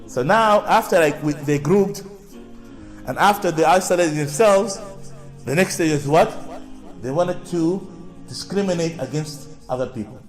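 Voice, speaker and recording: A man with a high voice lectures an audience, keeps asking questions and answering them himself, and calls for replies from the crowd. He often repeats words and restarts sentences. Soft music plays faintly underneath. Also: expressive, unhurried. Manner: repetitive, with frequent restarts; draws responses from the audience. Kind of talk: public talk to an audience.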